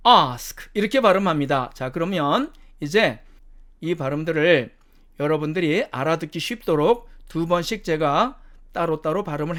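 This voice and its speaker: High-voiced male teacher, methodical. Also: fairly bright tone. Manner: methodical, repeats each word twice slowly. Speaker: English teacher. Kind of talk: lecture on pronunciation.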